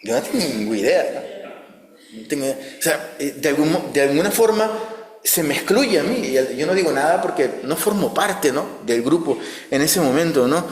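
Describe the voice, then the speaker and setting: A man's voice: fairly high pitch, expressive, a little fast. Preaching man, tagging lines with questions. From outside Spain. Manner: frequent "¿no?" tag questions, restarts. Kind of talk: conversational sermon. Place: church hall. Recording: echoey church hall.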